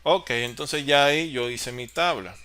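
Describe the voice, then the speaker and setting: Guy teaching an online computer class, bright crisp voice, walks through each step. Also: medium pitch, unhurried. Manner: explains step by step, asks and answers himself. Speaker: course facilitator.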